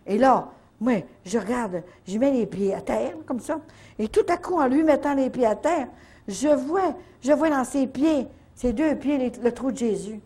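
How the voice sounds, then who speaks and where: Husky older woman with a Canadian French accent. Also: sits high, unhurried. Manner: lively storytelling with frequent "là, hein" tags. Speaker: retreat speaker. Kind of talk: faith testimony storytelling.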